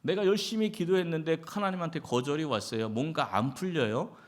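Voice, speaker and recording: A man's voice: on the high side, brisk. A male pastor giving a Sunday sermon in a conversational way, asking the congregation questions and acting out short quotes. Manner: conversational preaching with acted quotes and rhetorical questions.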